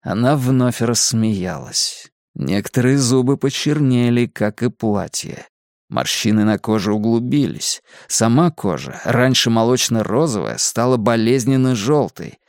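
A man reading an audiobook aloud, with measured scripted narration. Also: medium pitch, no room sound, clean studio sound. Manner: measured storytelling.

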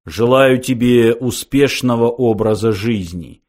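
A man's voice: mid-range voice, measured pace, a little mellow, lightly acted. A man voicing a polite but easily offended old man in a storybook reading. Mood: stiff. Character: fussy, proud old man, a planet designer.

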